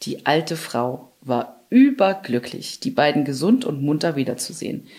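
A woman narrating a fairy tale aloud in an expressive storybook style. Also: low voice, moderate pace. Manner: expressive and animated.

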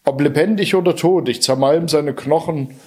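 A man voicing a huge, bloodthirsty male giant in a storybook reading, growling his threats, with a husky voice. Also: on the high side, normal speed, darkish tone, pitched above the performer's own voice, natural voice. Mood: menacing.

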